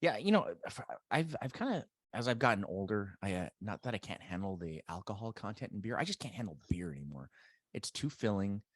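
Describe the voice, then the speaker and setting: A laid-back podcast host, a man with a low, deep voice who trades teasing banter with his guest. The sound is dry and close, with no room around it. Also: big pitch swings, fairly quick, dry recording. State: married. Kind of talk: casual podcast chat.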